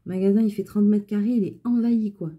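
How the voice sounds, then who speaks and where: A woman's voice: medium pitch, steady tone, fast, breathy edge, narrow, tinny audio. A woman who runs a clothing alterations shop, chatting casually and venting with exasperation about her customers.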